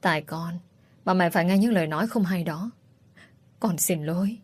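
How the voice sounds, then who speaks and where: A woman's voice: on the low side, moderate pace, breathy edge. A woman voicing a guilty young woman of about twenty who speaks tearfully and apologetically in a storybook reading.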